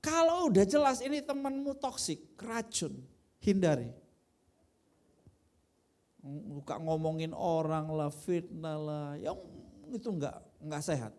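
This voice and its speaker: A man from Indonesia preaching a sermon to his congregation. He talks in a relaxed, chatty way, often speaking softly before suddenly pushing his voice up and out to stress a point. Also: a little high, slow, long pauses. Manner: casual, conversational preaching with sudden loud emphatic bursts and quiet asides. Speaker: pastor. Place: church worship service.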